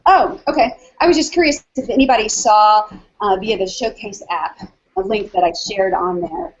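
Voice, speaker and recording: A woman hosts a casual video call, chatty and full of ums and restarts. She is slightly out of breath from walking. Her voice is husky and the call audio sounds dull and lo-fi. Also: medium pitch, moderate pace. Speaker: hangout host.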